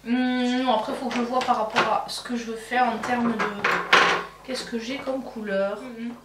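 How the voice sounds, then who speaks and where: A beauty vlogger chats casually while doing her makeup, rambling and thinking aloud with lots of fillers, restarts, and self-corrections. Her voice is a little high with fairly even intonation and a normal speed. She's off-mic and far away in an echoey room, with a faint hum underneath.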